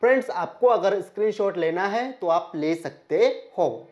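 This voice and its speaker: A woman's voice: on the low side, animated, normal speed, darkish tone. A woman teaching a physics lesson, working through exam problems. She reads each question in English, explains it in Hindi, keeps calling her listeners friends and asks them questions as she goes. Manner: asks rhetorical questions to the class.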